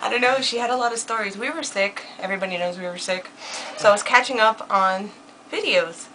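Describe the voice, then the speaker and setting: A young woman talks in a loose, joking vlog chat, full of laughter and casual swearing. Her voice is bright and forward, pitched in the middle for a woman, with a faint hiss of background noise underneath. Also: poor audio. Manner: animated, laughing, quick to curse. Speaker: vlogger.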